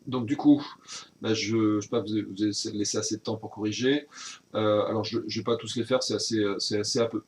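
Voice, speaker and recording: Guy going over a math class recap on his computer mic, lowish voice, lots of euh and self-corrections, bit of noise behind. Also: fairly even intonation, a little fast, a little mellow. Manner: explains step by step, self-correcting, with many hesitations. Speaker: teacher. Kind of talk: recorded virtual class recap.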